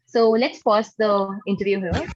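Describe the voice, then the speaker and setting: A woman interviewer speaks patiently and reassuringly in a formal but conversational way. Her voice is slightly breathy and rough, heard dry through dull online call audio. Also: mid-range voice, fairly even intonation, unhurried, no room sound. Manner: reassuring, patient, tentative phrasing. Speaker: technical interviewer. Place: online video call with screen sharing.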